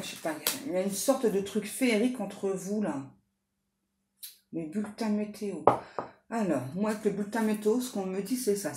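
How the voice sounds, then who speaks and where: A woman's voice: medium pitch, warm tone, reverberant. A woman doing a casual tarot card reading, talking in a chatty way full of fillers and restarts.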